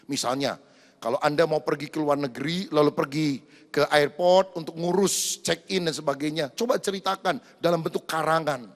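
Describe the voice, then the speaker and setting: A man's voice: fairly high pitch, moderate pace. A male pastor preaching a sermon, telling a story and addressing the congregation directly. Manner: storytelling, animated, addresses congregation as brothers and sisters. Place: church. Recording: echoey church hall.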